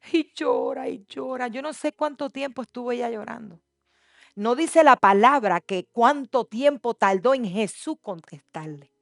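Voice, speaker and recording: Impassioned woman pastor, slow delivery. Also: on the high side, dry recording, studio quality. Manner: swings between soft hushed passages and loud impassioned preaching. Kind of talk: sermon. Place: church.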